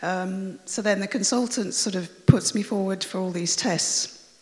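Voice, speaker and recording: A woman with a raspy, croaky voice that always sounds like she has a cold, chattily telling her testimony to a church congregation, rambling with fillers and restarts. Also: mid-range voice, a little slow, darkish tone. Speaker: church member giving a testimony. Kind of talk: personal testimony told to a congregation. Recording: long reverb of a large hall.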